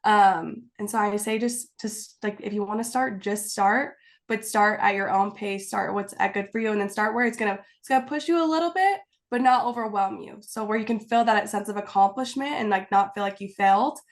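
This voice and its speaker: Speaking a little fast with few pauses, this woman's medium-pitched voice carries a slight cold stuffiness. She's a content creator appearing as a guest in a casual video-call interview from her home, bubbly, giggly, and rambling, with "like" in nearly every sentence.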